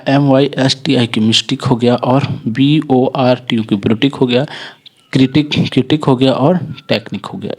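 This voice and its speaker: A man's voice: mid-range voice, a little mellow. Hindi-speaking man teaching English phonics. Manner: explanatory, repeats example words slowly, corrects own slips. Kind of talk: spoken phonics lesson.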